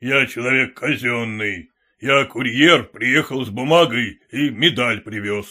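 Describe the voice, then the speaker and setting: Man doing a stern bass courier. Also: measured pace, pushed and bright. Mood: officious. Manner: stiff, officious. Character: stern official male courier, deep bass.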